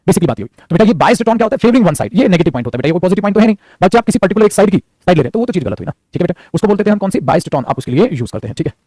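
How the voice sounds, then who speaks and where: A male teacher, giving an online English vocabulary class; he talks rapidly, repeats phrases and keeps calling his students "beta". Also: on the high side, dark tone, dry recording.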